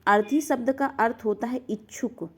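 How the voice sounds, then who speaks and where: Woman, teacher, higher voice, grammar quiz lesson, asks and answers herself. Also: moderate pace, slightly rough. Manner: repeats answers as questions to the viewer. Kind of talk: grammar lesson going through quiz questions.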